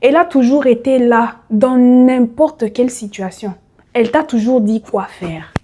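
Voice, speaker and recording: Woman preaching, lots of rhetorical questions, talks right to you, warm mellow voice. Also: on the high side, measured pace. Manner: rhetorical questions, addresses listener directly. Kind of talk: motivational sermon.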